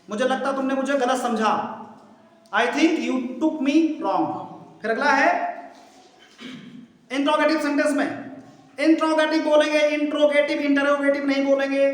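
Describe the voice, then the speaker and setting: A man with an Indian accent gives a spoken English lesson, patiently repeating each example sentence to drill it in. His voice sits very high for a man. The recording is heavily echoey, with a long reverb tail. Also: a bit bright. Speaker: English teacher.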